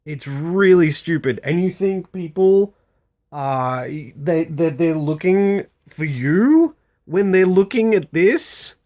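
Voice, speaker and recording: Slow, exasperated, emphatic ranter. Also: medium pitch, lively intonation, warm tone. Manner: exasperated, emphatic, repeats phrases, halting; blunt, swearing. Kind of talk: unscripted opinion rant to camera.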